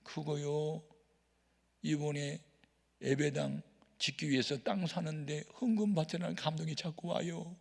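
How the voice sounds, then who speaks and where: A man's voice: a little high, fairly even intonation, a little slow, creaky, voice pushed up. A male preacher voicing his tearful, pleading wife as he retells the story, in a large reverberant hall. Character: tearful pleading pastor's wife, middle-aged woman.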